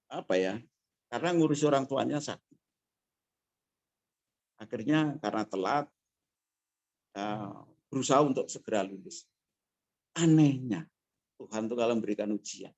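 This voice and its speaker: A man with a mid-range voice gives a fiery motivational talk as a guest speaker over a video call. He tells stories emphatically, swinging between quiet asides and loud bursts.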